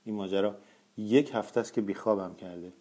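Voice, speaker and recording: A man reading the lines of a flustered woman employee who stammers out a hurried apology in an audiobook. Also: fairly low pitch, fairly even intonation, mellow, lightly acted. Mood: apologetic.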